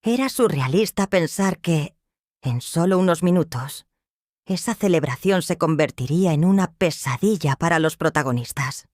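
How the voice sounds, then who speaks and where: A woman narrating a dramatic first-person story in a measured, serious way. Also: low-pitched, animated, a little mellow, dry recording, studio quality.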